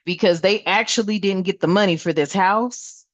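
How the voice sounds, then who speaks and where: In a dull, dry lo-fi recording without echo, a woman with a mid-range voice reads tarot at a moderate pace. The casual spiritual reading is blunt and emphatic, and she swears a lot.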